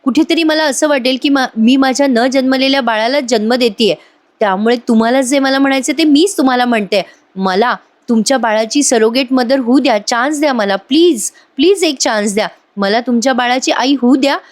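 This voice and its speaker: A woman's voice: high voice, a little fast, lightly acted. A woman voicing an earnest young woman doctor who pleads her case. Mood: pleading.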